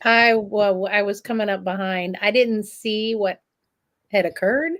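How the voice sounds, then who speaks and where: A woman's voice: medium pitch, measured pace. A woman chatting on a casual livestream, adding details to a shared story and laughing often.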